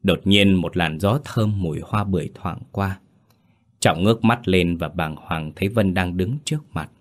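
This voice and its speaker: A man reading scripted horror story narration in a slow, grave storytelling manner. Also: low voice. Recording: faint background music.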